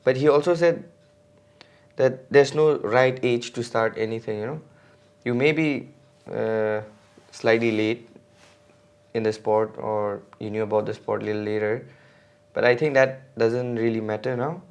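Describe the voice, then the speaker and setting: With a clear, resonant, mid-range voice at a measured pace, an Indian mountain bike racer in his twenties talks as a podcast guest. His speech is casual and hesitant, with lots of fillers and restarts.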